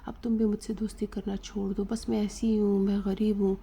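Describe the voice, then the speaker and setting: A woman's voice: medium pitch, little pitch movement, creaky, warm tone, a little hiss or hum, lightly acted. Woman reading a bitter, ashamed poor girl. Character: poor young woman ashamed of her home.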